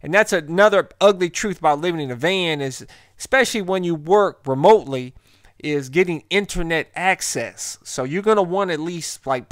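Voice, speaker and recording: A man's voice: fairly high pitch, fairly bright tone, no echo, clean studio sound. An American man vlogging casually and bluntly, talking straight to viewers in informal language. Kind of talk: casual vlog monologue.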